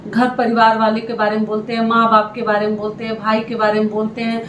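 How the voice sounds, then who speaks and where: A woman's voice: fairly high pitch, completely flat delivery, quick pace, fairly bright tone, roomy sound, a little hiss or hum, low-quality recording. A woman giving relationship advice to her viewers in an earnest, repetitive, direct way. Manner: earnest, repeats points, addresses viewers directly. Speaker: advice vlogger. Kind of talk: casual advice talk.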